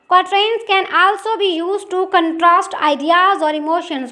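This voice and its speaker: A young woman with a very high voice gives a poetry lesson. She speaks slowly and deliberately, reading each English line word by word before explaining it in Hindi. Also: fairly bright tone. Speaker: teacher. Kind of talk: explanatory lecture.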